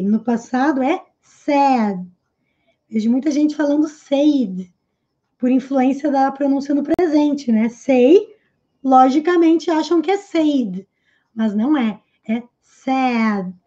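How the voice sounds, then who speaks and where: Woman teacher, high but mellow voice, goes over english lines slow, kinda dull lo-fi sound. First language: Portuguese. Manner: explanatory, repeats English phrases slowly. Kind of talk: live English lesson.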